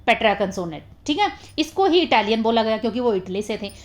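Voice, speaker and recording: A woman teaching an exam-prep literature lesson. She explains step by step, keeps checking in with her students and drops into slow, careful English phrases. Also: fairly high pitch, very animated.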